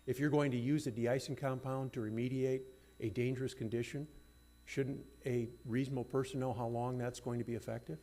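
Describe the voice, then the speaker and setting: A man's voice: medium pitch, steady tone, brisk, warm tone. A man speaking as an attorney in appellate oral argument, insistent and argumentative yet deferential. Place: courtroom.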